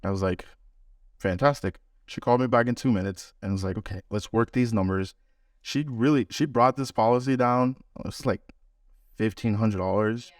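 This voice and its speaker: A man co-hosting a casual talk show, an animated storyteller who acts out what people said. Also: medium pitch, fairly quick, dry recording, studio quality, far from the mic. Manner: animated storyteller acting out quotes. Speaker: podcast co-host.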